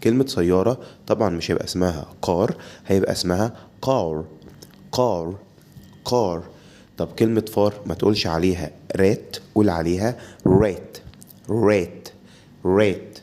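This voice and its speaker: A man's voice: deep voice, fast, mellow. A man with an Egyptian Arabic accent giving a short pronunciation lesson, correcting the listener and drilling sounds over and over. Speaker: English teacher.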